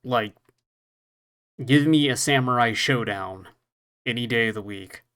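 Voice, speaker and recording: A man's voice: mid-range voice, a little slow, a bit bright, clear, resonant tone. Self-mocking man chatting over gameplay. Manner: self-deprecating, laughs often, swears casually. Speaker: podcast co-host playing retro games. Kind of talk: casual gameplay chat.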